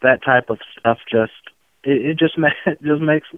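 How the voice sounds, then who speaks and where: A man from Tennessee with a slow, unflappable Southern drawl, talking reflectively as an interview guest. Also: on the high side, no room sound. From outskirts of Memphis, Tennessee. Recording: muffled narrow phone-like line.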